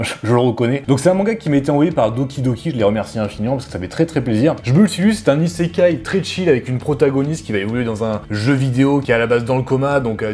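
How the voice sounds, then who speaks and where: A man's voice: mid-range voice, darkish tone. A young man, casually and enthusiastically reviewing the manga he read this month, full of slang and talking straight to the viewer. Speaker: manga YouTuber.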